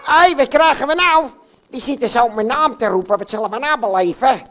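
A woman's voice: on the high side, lively intonation, fairly quick, a bit bright, pitched above the performer's own voice. A woman voicing a cheeky, boastful male puppet hero in a live children's puppet show, chatting straight to the audience. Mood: puzzled.

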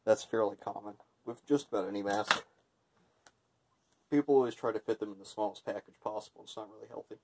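Dark, mellow, low-voiced man reviewing casually. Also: brisk. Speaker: product reviewer. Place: indoor room with tiled floor.

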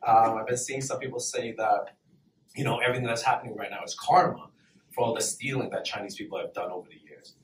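With a mid-range voice and a quick pace, a young man performs a brash, profane open-mic stand-up set on a small club stage, chuckling between punchlines to the audience's laughter. He holds a handheld mic, and the camera is far back in the room. The audio is distant and roomy, with a little hiss or hum.

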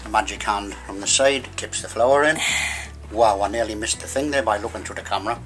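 A middle-aged man cooks in his home kitchen with his daughter, joking and chatting as he explains each step. His voice is fairly low, fairly bright and fairly quick. Music plays beneath the casual talk.

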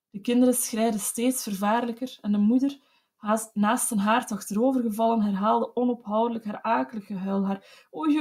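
A woman narrating an audiobook of classic literature in a steady, measured storytelling voice. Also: mid-range voice, slightly rough.

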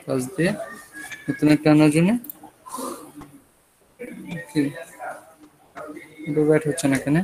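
A man's voice: fairly high pitch, steady tone, a little slow, long pauses, warm tone, rough recording. A man with a Bangladeshi Bengali accent teaching an online web design class, talking casually and checking in with his students, his throat a bit sore. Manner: casual, talks students through screen steps with checking questions.

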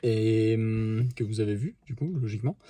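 A fishing vlogger in his thirties sits in a parked car, recapping a trip to a phone held at arm's length. His fairly low voice moves at a moderate pace amid crowd noise, and his excited storytelling is slangy and packed with fillers.

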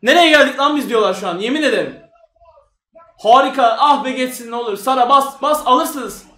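A man hosting a live football match reaction, excitable and shouting at every goal and chance. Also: very high voice, brisk. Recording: echoey room.

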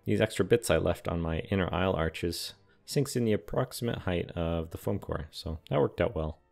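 Deep gravelly man narrating a build. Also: moderate pace. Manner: calm, explanatory, matter-of-fact. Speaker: scale model and terrain builder. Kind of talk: scripted voice-over narration. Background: soft background music.

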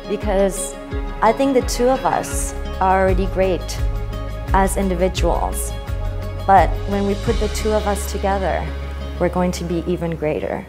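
A woman in her thirties, raised across several countries, talking fondly and at a measured pace about her fiancé in a sit-down interview in a bright sunroom. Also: medium pitch. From Thai, French and American, raised abroad. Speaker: bride-to-be interviewee. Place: bright glass sunroom with garden outside. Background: soft music.

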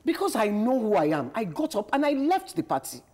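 A woman's voice: fairly high pitch, big pitch swings, brisk, warm tone. A middle-aged woman, a panel guest telling stories emphatically and laughing often. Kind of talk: casual panel discussion. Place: TV studio set.

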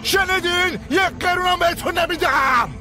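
A man's voice: extremely high pitch, music in the background. A furious, greedy father. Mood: threatening. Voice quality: threatening, shouting. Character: angry greedy father threatening his family. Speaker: dubbing actor. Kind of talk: Persian dub of a TV drama.

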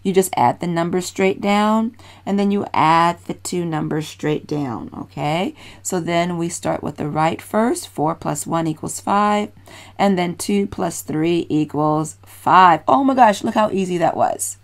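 A woman's voice: fairly low pitch, measured pace. A woman teacher patiently explaining a children's math lesson, encouraging and repeating steps.

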